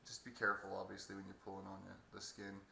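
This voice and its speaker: A man giving a halting, hesitant casual video update with a sore throat two days after surgery. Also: low voice, monotone, gravelly, pushed and bright. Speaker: patient vlogger. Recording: echoey room, faint background noise.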